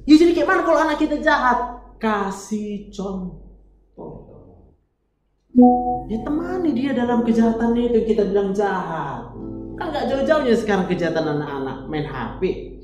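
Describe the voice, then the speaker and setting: A woman's voice: fairly high pitch, normal speed, long pauses. A woman preaching, acting out conversations and quizzing her congregation. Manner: lively, acts out dialogues, asks the congregation questions. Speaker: preacher and doctor. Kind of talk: sermon. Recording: echoey hall with music behind.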